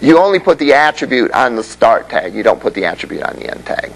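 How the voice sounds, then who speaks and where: A man's voice: mid-range voice, sing-song, quick pace, gravelly, fairly bright tone, a little hiss or hum, low-quality recording. A man teaching a web development class in a classroom, explaining things conversationally and often checking in with the students. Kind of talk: classroom lecture.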